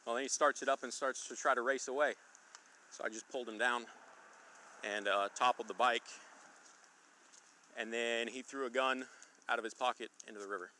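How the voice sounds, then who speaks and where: A male police officer recounts an incident to colleagues in a bright, forward voice at a middle pitch. It sounds like body camera audio from outdoors, with light background noise. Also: fairly even intonation, normal speed, long pauses. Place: outdoors by a road and river.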